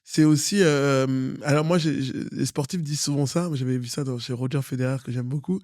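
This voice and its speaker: A man's voice: medium pitch, steady tone, fairly quick, darkish tone, no echo, clean studio sound. A man from Cameroon with a Cameroonian French accent, a guest in an interview who stresses points by repeating words. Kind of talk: interview conversation.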